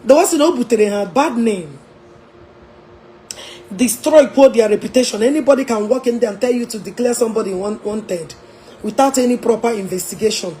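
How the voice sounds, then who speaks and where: A Nigerian woman with an Igbo-tinged accent chatting on a casual livestream from a hotel room, animated and laughing, mixing English and Igbo. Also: a little high, fairly quick, slight background noise. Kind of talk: casual live-stream chat.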